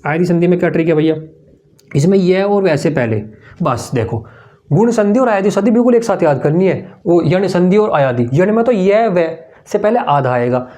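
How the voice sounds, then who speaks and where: A man's voice: high-pitched, expressive, moderate pace, warm tone. A male teacher explaining Hindi grammar for an exam-prep class, repeating each point and calling the students "brother". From India.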